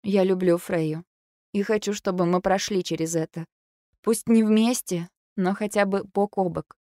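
Woman reading a hushed, hesitant young woman, soft, guilty, dry audiobook sound. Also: mid-range voice, steady tone, normal speed, no echo, close to an everyday voice.

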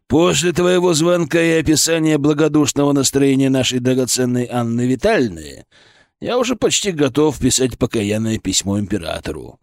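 A man's voice: medium pitch, expressive, normal speed, dry recording, clean studio sound, natural voice. A man doing a sardonic, grumbling doctor. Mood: wry. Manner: sarcastic, grumbling. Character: sardonic, nervous male department head, middle-aged.

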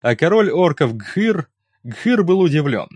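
A man narrating a first-person fantasy audiobook in a measured, steady storytelling manner. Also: on the high side, husky, no echo.

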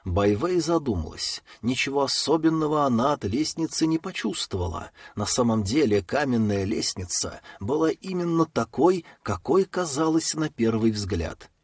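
Male audiobook narrator; husky tone, animated pitch, dry studio sound. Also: dry recording. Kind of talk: scripted narration.

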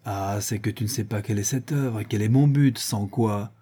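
A man's voice: lowish voice, moderate pace, breathy edge. A man voicing a brutal, drunken, grandiose male villain who rants and hurls insults, in an audiobook reading. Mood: exalted. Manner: ranting, exalted, shouting insults.

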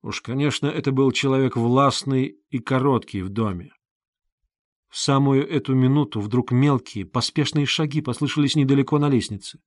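Expressive male audiobook narrator. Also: medium pitch, dry recording, studio quality. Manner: measured, expressive reading. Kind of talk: scripted narration.

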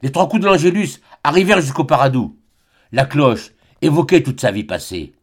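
A man narrating a classic novel as an audiobook reader, in a measured, dramatic way. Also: mid-range voice, animated, breathy edge.

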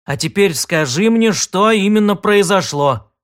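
A man's voice: sits high, lively intonation, unhurried, a bit bright, voice pushed up. A man playing belligerent citizen Sid. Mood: indignant. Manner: belligerent, demanding. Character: Sid, indignant respectable male citizen.

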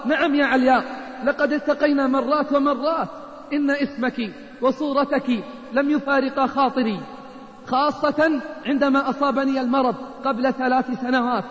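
A man's voice: very high voice, steady tone, fairly quick, fairly bright tone. A man preaching voices a sick, remorseful woman patient who pleads and repeats herself. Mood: pleading. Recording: reverberant hall.

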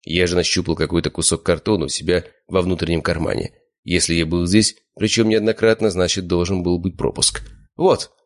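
Deep-voiced male audiobook narrator. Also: steady tone, a little fast. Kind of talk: first-person fiction narration.

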